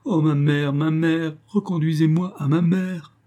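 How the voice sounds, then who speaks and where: A man's voice: mid-range voice, a little fast, dark tone, natural voice. A man voicing a frightened young girl who pleads and sobs, in a storybook reading. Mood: sobbing pleas. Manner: sobbing, pleading.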